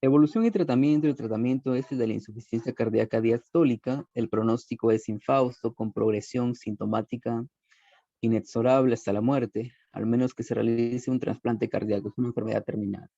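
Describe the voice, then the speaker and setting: A man works through a medical lecture from slides in a mellow, dark voice, listing terms one after another and often restarting a word. The sound is dull and muffled, with a dry, close feel and no room around him. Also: medium pitch, fairly even intonation, brisk, vocal fry, no room sound. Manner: methodical, lists terms one by one with frequent restarts.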